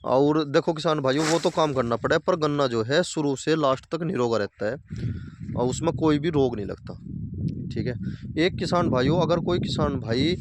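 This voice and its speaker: Against a noisy background, a farming video host with a slightly high voice talks at a moderate pace beside his fields. His tone is casual and plain-spoken, and he repeats his points to viewers he calls farmer brothers.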